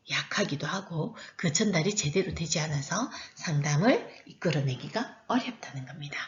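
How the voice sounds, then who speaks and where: A woman's voice: medium pitch, dull audio. A woman lecturer explaining course material in a recorded lecture, with fillers and self-corrections.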